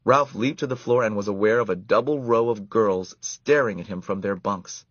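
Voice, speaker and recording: A man reading a children's story aloud in an expressive, animated way. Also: lowish voice, moderate pace, no room sound. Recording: dull lo-fi dry recording.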